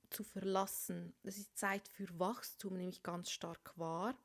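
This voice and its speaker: A tarot reader with a cold gives a reading for a star sign, her medium-pitched voice soft and often dropping to a whisper over the cards.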